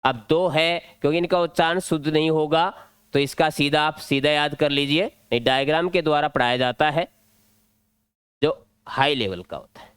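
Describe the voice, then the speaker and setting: A man's voice: a little high, normal speed, fairly bright tone, clear, resonant tone, dry recording. A male teacher with a Rajasthani Hindi accent, explaining an exam-prep grammar lesson step by step at a board. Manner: step-by-step explaining, drilling points.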